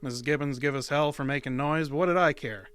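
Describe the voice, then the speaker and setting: A man's voice: a little high, fast talker, over music, close to an everyday voice. An actor playing Buck, a folksy small-town young man who narrates a creepy tale in old-time radio drama style. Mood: narrating.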